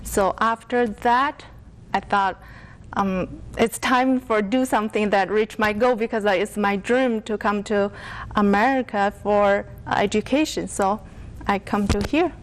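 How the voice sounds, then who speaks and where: A Chinese woman with a Chinese accent is an interview guest, answering questions haltingly as she searches for words in English, which isn't her first language. Her voice is medium-pitched, and there's a little hiss or hum in the recording.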